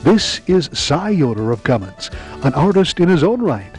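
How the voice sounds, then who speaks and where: A man's voice: a little high, very animated, moderate pace, a little mellow, faint music behind. A man co-hosting a travel magazine show, reading upbeat scripted narration. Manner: upbeat promotional delivery. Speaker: TV magazine co-host.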